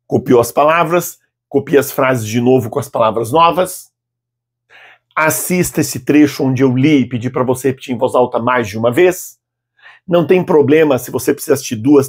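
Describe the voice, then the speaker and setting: A husky, slightly higher-pitched man in his fifties with a Brazilian Portuguese accent. He teaches a video language lesson, speaking patiently. He slows down on model phrases so learners can repeat them aloud. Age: 50s. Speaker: Arabic teacher.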